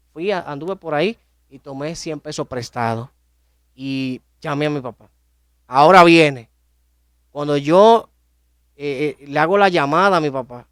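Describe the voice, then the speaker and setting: A man's voice: fairly high pitch, a bit bright, clear, resonant tone, dry recording, studio quality. A young man giving a personal faith testimony, telling his story emotionally with many repetitions and restarts. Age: young adult. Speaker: testimony speaker.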